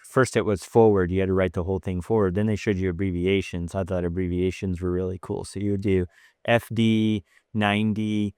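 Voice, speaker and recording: A male podcast host talks in a chatty, enthusiastic way. His voice is low and smooth, and the recording is dry. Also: level tone, brisk, darkish tone, no echo. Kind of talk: interview podcast.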